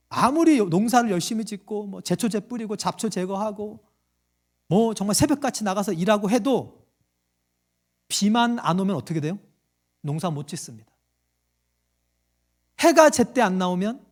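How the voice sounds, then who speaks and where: A male pastor preaching a sermon to his congregation, quizzing them with questions and acting out the voices in his stories. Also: high-pitched. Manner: acts out quoted voices in a story.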